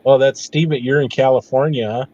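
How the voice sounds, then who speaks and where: A man's voice: medium pitch, fairly even intonation, moderate pace, a little mellow. Easygoing man on a muffled call line. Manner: easygoing, folksy. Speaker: regular viewer on call. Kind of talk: casual chat.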